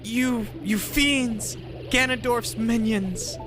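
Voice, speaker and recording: A man voicing a proud, captured desert thief woman who shouts frantically at her captors in a shrill, raised voice. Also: takes it slowly, noisy background. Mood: frantic. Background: game music.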